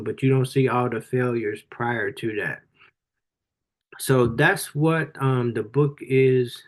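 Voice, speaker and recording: Earnest man in his forties giving motivational talk. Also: medium pitch. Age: 40s. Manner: casual, earnest and encouraging, with frequent fillers like "you know" and "um". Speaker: author and life coach hosting a live book review.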